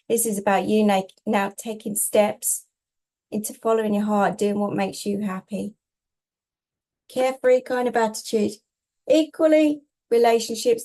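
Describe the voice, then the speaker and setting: A woman's voice: medium pitch, mellow. A woman tarot reader giving casual spiritual guidance, reassuring and emphatic, often repeating herself in short phrases.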